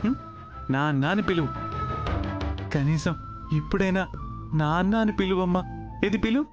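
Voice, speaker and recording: A man's voice: high-pitched, moderate pace, dull audio, over music, close to an everyday voice. An actor playing a kind, protective middle-aged father figure in a TV serial, speaking in a soothing, coaxing way. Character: kind fatherly older gentleman, protective and gentle. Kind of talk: TV serial acting.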